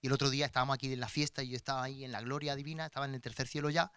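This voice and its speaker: A man's voice: mid-range voice, racing, clear, resonant tone, no echo, clean studio sound. A middle-aged man, a pastor preaching a sermon and telling personal family stories to his congregation with passion. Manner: personal, impassioned storytelling addressed to the congregation; animated, acts out voices in anecdotes.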